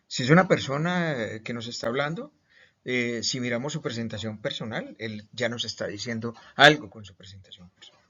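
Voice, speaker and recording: Teaching a recorded online class, a Colombian man speaks at medium pitch with a somewhat bright tone. Questions and repeated words mark each point he stresses, and the lo-fi recording sounds a little muffled.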